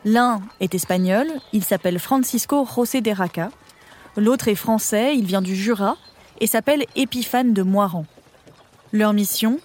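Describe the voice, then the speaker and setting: Woman narrating a history documentary, mid-pitched. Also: a little mellow. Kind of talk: scripted narration with conversational touches.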